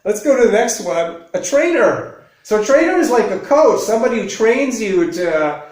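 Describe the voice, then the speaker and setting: Male host, high voice, curious questioner, echoey room. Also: sing-song, moderate pace, darkish tone. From United States. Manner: curious, asks follow-up questions. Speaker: host English teacher. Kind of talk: casual conversation.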